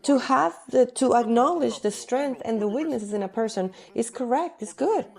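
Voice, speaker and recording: Woman, sermon delivery, emphatic and repetitive, mellow tone. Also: fairly high pitch, expressive, moderate pace, vocal fry. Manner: emphatic, repeats key phrases.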